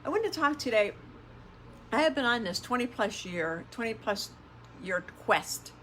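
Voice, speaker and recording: A woman's voice: mid-range voice, a bit bright, slight background noise, poor audio. A middle-aged woman giving a conversational motivational talk in the manner of a self-help influencer, emphatic, repeating phrases and posing rhetorical questions. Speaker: self-help podcast host and coach.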